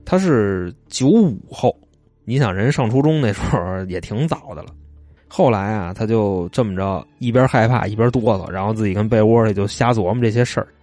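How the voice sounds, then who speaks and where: A man's voice: lowish voice, expressive, moderate pace, warm tone, no room sound, faint music behind. A man, telling stories in a casual chat, retelling them loosely with asides. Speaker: storyteller.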